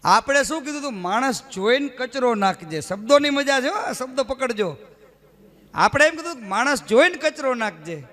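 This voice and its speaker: A man's voice: moderate pace, in a large hall. A man doing live stand-up, telling jokes and acting out the dialogue with big jumps in his voice. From Gujarat. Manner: animated storyteller acting out dialogue with jumping pitch. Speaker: stand-up comic. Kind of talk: live folk stand-up storytelling.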